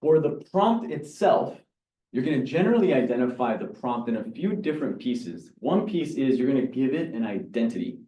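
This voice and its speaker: A man gives a spirited talk to an audience, working through examples and throwing questions to the room. His voice is mellow and warm. The sound is roomy and picked up from some way off the mic. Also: medium pitch, normal speed, a little hiss or hum. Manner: energetic, explains with examples and asks the audience. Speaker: presenter. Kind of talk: live talk to a meeting audience. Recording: echoey room, mic from far off.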